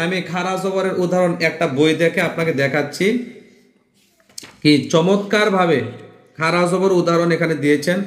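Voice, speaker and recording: A man with a fairly high voice teaches the rules of Quran recitation. He repeats each rule and stretches syllables slowly, often turning to question his viewers. The sound is echoey, with a long hall-like reverb. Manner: asks viewers questions, urges them on. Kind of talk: spoken lesson on Quran reading rules.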